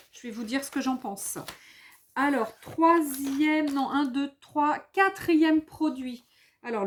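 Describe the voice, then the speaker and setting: A middle-aged woman talks slowly through a casual product haul vlog. Her voice sits a little high, and she wanders, hesitates and corrects herself as she goes. She sounds chatty and unhurried. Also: a little hiss or hum. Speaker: haul vlogger.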